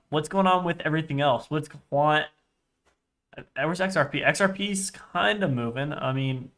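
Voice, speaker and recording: A young man with a slightly high voice narrates his live trading screen. He talks casually and restlessly, half to himself, and swears freely as he jumps from one thing to the next. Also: a bit bright. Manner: restless, sweary, muttering to himself as he scans charts. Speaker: day trader livestreamer.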